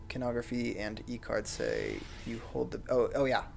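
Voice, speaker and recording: Chatting casually at home, a young adult man streams a game and reads comments aloud into a desk mic, soft and self-deprecating. His mid-range voice is sing-song with vocal fry at a normal speed, over game music and slight background noise.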